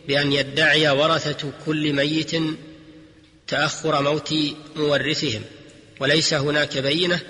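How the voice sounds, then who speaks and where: A man delivering a formal, scripted religious radio lecture in measured classical Standard Arabic. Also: a little high, bright, forceful tone. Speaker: radio lecturer on Islamic jurisprudence. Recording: long hall-like reverb.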